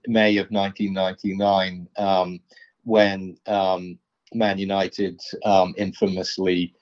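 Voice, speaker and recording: A slow-speaking man talks casually as an interview guest, filling his pauses with ums and uhs. His voice sits a little low. The recording is dull and lo-fi. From England. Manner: hesitant, many ums and uhs. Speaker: artist guest. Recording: dull lo-fi sound.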